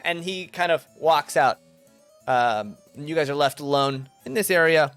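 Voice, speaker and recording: A man narrating an improvised tabletop game as game master in a halting, casual storytelling way. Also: fairly high pitch, a bit bright, clear, resonant tone. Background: music.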